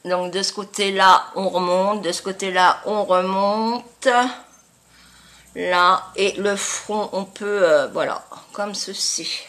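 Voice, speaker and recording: A woman chatting casually to viewers in a product review, with a congested, honking nasal voice and a halting delivery as she searches for words. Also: medium pitch, fairly even intonation, a bit bright. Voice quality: nasal, honking, duck-like voice from blocked sinuses. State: congested with sinusitis. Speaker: beauty vlogger.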